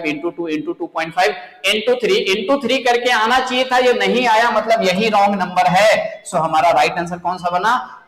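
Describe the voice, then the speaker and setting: A high-voiced male teacher coaches students through exam math, quizzing them as he goes. His voice rings in a roomy space with a long reverb tail. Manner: explains step by step, asks the students questions, addresses them as children. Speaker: math teacher for bank exams. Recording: echoey room, long reverb.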